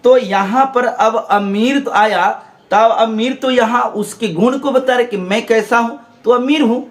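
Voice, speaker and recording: A man's voice: extremely high pitch, a little slow. A man teaching English grammar in Hindi, explaining step by step and asking and answering his own questions. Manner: drills learners to repeat aloud.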